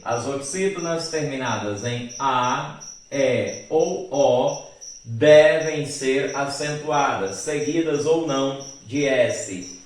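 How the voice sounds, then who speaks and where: Male teacher, slow and deliberate delivery, spells out word endings; very echoey room, mic at a distance. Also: medium pitch. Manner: asks questions in a student's voice and answers them. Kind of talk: recorded grammar lesson.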